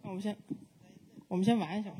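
A woman singer chatting casually from the stage of a live music venue between songs, relaxed and quick to laugh. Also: medium pitch. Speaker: singer performing a live show.

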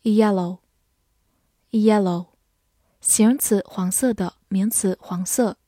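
A woman narrating a scripted vocabulary lesson, saying each English word twice and then defining it slowly. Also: medium pitch, fairly even intonation, warm tone, no echo, clean studio sound.

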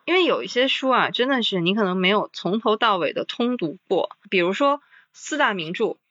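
A woman in a casual podcast chat about books, reading list items slowly and then commenting with sighing interjections. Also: medium pitch, lively intonation, a bit bright, no room sound, dull audio.

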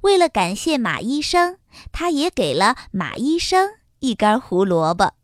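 A woman narrating a children's story in a slow, sing-song, expressive way. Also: on the high side, no echo, studio quality.

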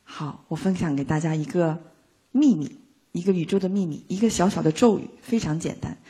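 A woman giving a lively, playful motivational talk to a live audience, acting out little everyday scenes. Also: on the low side, fairly quick, husky. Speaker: speaker teaching a live audience.

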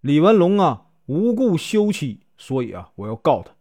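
A man's voice: a little high, sing-song, normal speed, dark tone. A male storyteller voicing a shabby, cunning old monk who speaks slyly and easily.

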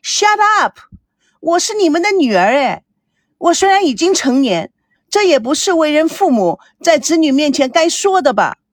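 Woman voicing a shrill, hysterical young woman. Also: big pitch swings, normal speed, dry recording. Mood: indignant. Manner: shrill, screaming, frantic. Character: distraught adult daughter, hysterical in hospital.

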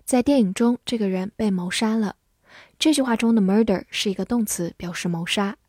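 A woman with a mid-range, slightly mellow voice teaches English vocabulary from a script. She spells each word letter by letter and slowly reads example sentences, recorded dry with clean studio sound.

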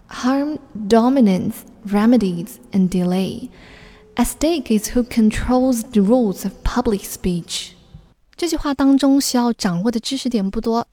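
A woman gives a careful, scripted vocabulary lesson, going over each word clearly. Her voice sits a little high, with a mellow, warm tone. It is recorded close up in a dry, dead room. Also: no echo. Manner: explains words slowly and clearly, mixing in English. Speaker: English teacher.

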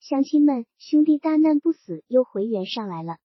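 Brief: smug, scheming male township boss, needling then threatening, read by a woman in a high, husky voice. Lo-fi storybook audio. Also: sing-song, moderate pace, no room sound. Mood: sly, menacing. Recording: dull lo-fi recording.

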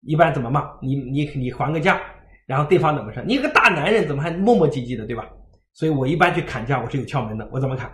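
A man giving a livestream parenting lecture, telling stories in a lively way and acting out the dialogue. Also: mid-range voice, very fast, echoey room. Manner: lively storytelling, acts out dialogue.

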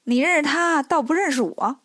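A cocky monkey king disciple, hot-tempered and sneering at everyone, in a children's story, with a woman reading the part. The voice is high and sits close to a dry mic. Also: normal speed, fairly bright tone, dry recording. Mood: scornful. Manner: mocking, brash.

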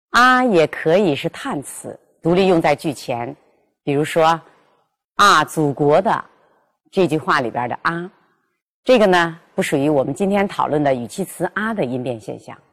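A woman teaching pronunciation, carefully and deliberately sounding out each example. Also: low voice, expressive, fairly bright tone. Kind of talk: instructional lesson with spoken examples.

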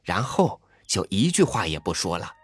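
A man reading a story aloud in a soft, intimate, expressive way, sometimes dropping to a hush. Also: low-pitched, normal speed, slightly rough, dry recording.

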